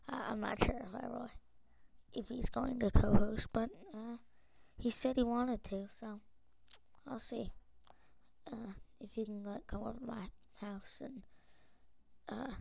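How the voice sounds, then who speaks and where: A woman's voice: fairly high pitch, steady tone, takes it slowly, vocal fry, darkish tone, breathy edge, no echo. A woman hosting a casual solo podcast intro, hesitant and full of fillers, with the hiccups. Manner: hesitant, many fillers and restarts. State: has the hiccups. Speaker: podcast host.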